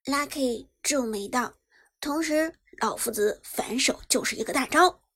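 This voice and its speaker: A woman narrating a web novel chapter in brisk storytelling style, lifting her voice on the action. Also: sits high, fairly bright tone. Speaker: audiobook narrator. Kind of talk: scripted narration.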